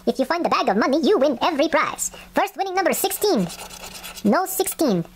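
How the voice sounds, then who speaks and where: High-pitched woman, put-on Russian accent. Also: very animated, a little fast. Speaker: host of scratch ticket videos. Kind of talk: casual play-by-play narration. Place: indoors at a wooden table. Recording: faint scratching noise, home recording. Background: scratching of lottery tickets.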